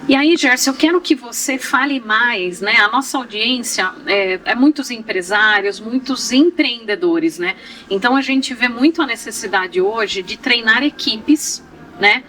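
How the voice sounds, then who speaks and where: Woman, from Brazil, podcast host, chatty questioner, bright forward voice, faint background hiss. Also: on the high side, animated, a little slow, poor audio. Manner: chatty, leading questions with many tag questions. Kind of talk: casual interview talk.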